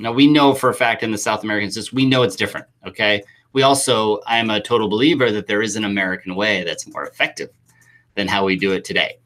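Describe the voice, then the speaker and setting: A man talking as a youth soccer coach in a live chat. His voice sits a bit low but rings bright. He rambles with eager restarts.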